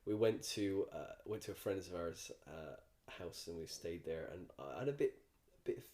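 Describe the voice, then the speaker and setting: A low, mellow voice at normal speed belongs to an Irish comedian with rural roots, here as a podcast guest. He tells loose, meandering stories and restarts a lot.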